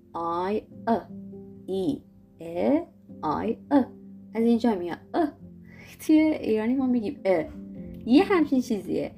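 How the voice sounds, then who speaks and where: A young woman teaching a casual video lesson, talking to viewers in a friendly way and sounding out letters slowly. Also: on the high side, vocal fry, a little mellow. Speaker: English teacher.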